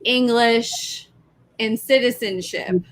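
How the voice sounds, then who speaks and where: A woman's voice: fairly high pitch, takes it slowly, rough recording. A woman telling stories about homeschooling in casual chat on a live stream. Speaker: homeschooling parent guest.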